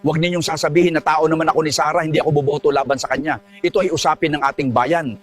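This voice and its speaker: A man's voice: fairly high pitch, steady tone, racing, slight background noise. A man speaking in an earnest, preachy way, delivering a mock sermon and comic dialogue.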